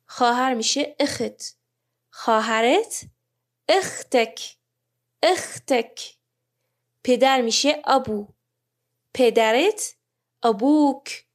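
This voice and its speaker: Woman slowly teaching Arabic phrases. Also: a little high. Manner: repeats each example word slowly and clearly. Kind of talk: spoken language lesson.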